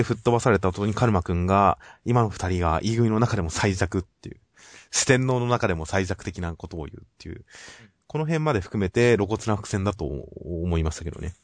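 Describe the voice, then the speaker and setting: A man with a low, steady voice talks through manga chapters in a measured, polite way. The sound is dry and close, with no room around it. He sounds like a regular co-host in casual chat. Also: no room sound. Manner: measured, polite, summarizing plot. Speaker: podcast co-host reviewing manga.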